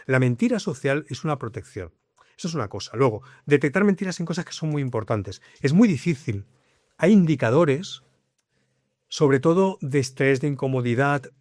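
A man's voice: mid-range voice, moderate pace, dry recording, clean studio sound. Man explaining on a podcast. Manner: explanatory, lively, leans on repetition. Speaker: guest, communication coach. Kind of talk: conversational interview.

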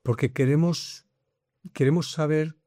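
Man, coach, lively explainer, repeats points, dry close mic. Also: a little high, a little slow, no echo. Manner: explanatory, lively, leans on repetition. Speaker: guest, communication coach. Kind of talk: conversational interview.

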